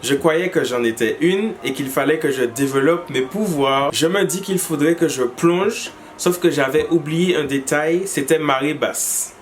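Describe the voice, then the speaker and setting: A young man from the French Antilles telling comic stories and reacting to viewers' embarrassing moments, jumping into high squeaky voices when he quotes people. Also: unhurried, few pauses, slight background noise. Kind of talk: comic storytelling to camera.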